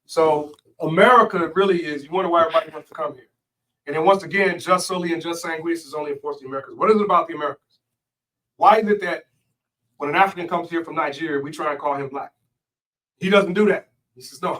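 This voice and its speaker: A man's voice: a little high, fast talker, fairly bright tone, distant mic, poor audio. Emphatic man lecturing from off-mic. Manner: emphatic, lecturing, spells out words letter by letter. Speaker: guest. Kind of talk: casual studio interview.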